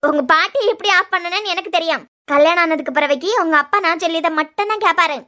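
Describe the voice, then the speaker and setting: A woman voicing a shrill scheming stepmother-to-be. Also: quick pace, sharp tone. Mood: threatening. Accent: Kanyakumari Tamil. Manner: scolding, threatening, sneering. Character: scheming young bride-to-be woman, cruel to a stepchild. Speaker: voice artist for a cartoon serial.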